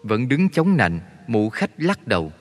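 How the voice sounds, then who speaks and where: A man narrating a story in a steady, measured way. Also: medium pitch, faint music behind. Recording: long reverb.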